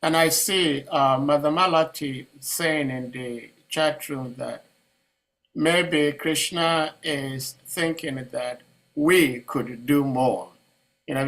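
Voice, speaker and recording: Male moderator, unhurried, careful, full of "uh"s, video call. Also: a little high, a bit bright, low-quality recording. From Ghana. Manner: hesitant, many uh fillers, humble and careful. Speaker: moderator of an online class. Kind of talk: online devotional discussion.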